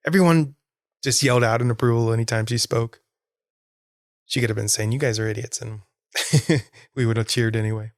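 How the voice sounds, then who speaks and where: A man's voice: medium pitch, steady tone, normal speed, long pauses, no echo, clean studio sound. A man hosting a podcast, rambling with enthusiasm about a concert and laughing often. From Florida. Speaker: podcast host. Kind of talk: casual solo podcast monologue.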